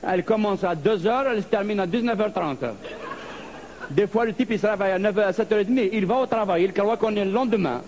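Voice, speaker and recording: A man from Algeria performing a stand-up comedy monologue, telling stories in a lively way. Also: high-pitched, fast, slight background noise. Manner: lively storytelling with put-on voices.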